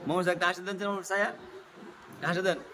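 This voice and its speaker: An adult gently questions, teases and soothes a crying child in casual chat. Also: mid-range voice, fairly even intonation, racing, slight background noise.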